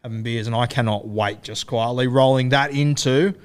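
Clear-voiced man with broad Australian blokey manner. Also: mid-range voice, moderate pace. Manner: blokey and slangy, with broad Aussie expressions. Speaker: sports podcast host. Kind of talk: casual fantasy rugby league chat.

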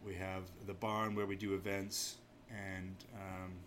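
This inn owner from Maine, United States, speaks as an interview guest in a low, flat voice that runs a little slow and sounds a bit bright. He keeps the casual chat hesitant, modest and understated. Faint background noise surrounds him in a small pub just off an inn lobby.

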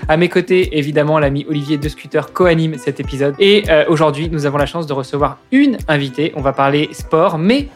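A man's voice: on the high side, brisk, few pauses, soft background music. A man hosting a podcast in a casual way, with frequent hesitations and filler sounds. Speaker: podcast host.

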